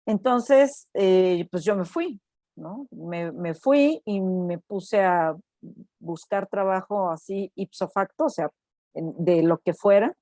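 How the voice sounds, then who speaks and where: Recorded in studio quality with no room sound, a woman with a mid-range voice speaks slowly. She's a Mexican university researcher recounting a story in a relaxed interview, animatedly performing quoted voices and frequently tagging lines with "¿no?".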